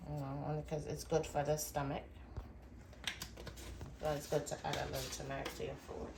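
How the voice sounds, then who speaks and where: Talking fairly quickly to her viewers, a cooking vlog host has a low, creaky voice and a flat delivery as she demonstrates a recipe in a chatty way. She's far from the mic in a roomy room, and music and heavy noise fill the background.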